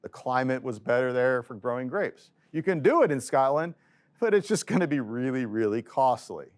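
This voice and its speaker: Middle-aged male professor, mid-range voice, lively lecturer who jokes and acts out the arguments he quotes. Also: medium pitch, moderate pace. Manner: lively, joking storyteller voicing quoted arguments. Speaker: economics professor. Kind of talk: classroom lecture.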